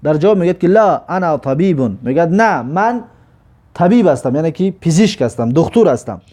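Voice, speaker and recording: High-voiced man, teaching. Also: animated, warm tone. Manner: explains step by step, asks and answers his own questions, reads examples slowly. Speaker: Arabic teacher. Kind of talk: classroom grammar lesson.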